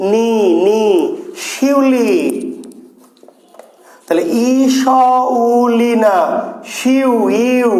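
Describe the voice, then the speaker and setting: High-voiced man teaching, echoey room. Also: dark tone. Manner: repeats and drills sounds, asks questions then answers. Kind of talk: grammar lesson for job exam students.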